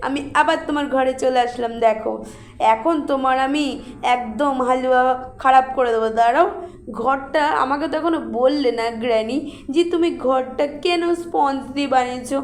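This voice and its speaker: Excitable high-voiced woman gamer. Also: echoey room. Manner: excitable, quick exclamations and talking to viewers. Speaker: gaming channel host. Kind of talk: casual gameplay commentary.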